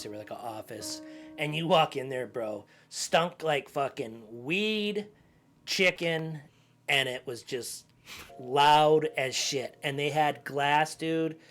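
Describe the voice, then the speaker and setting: A man co-hosting a podcast, chatting in eager, agreeable and profane banter. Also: mid-range voice. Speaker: podcast co-host. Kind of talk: casual chat.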